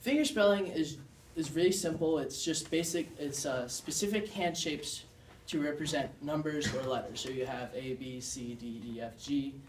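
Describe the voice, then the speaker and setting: A man's voice: a little high, moderate pace, hardly any pauses, noisy background. Young man giving a class talk from afar. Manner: earnest, demonstrating signs while explaining. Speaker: student presenter. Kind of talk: class presentation. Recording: echoey room, mic far off.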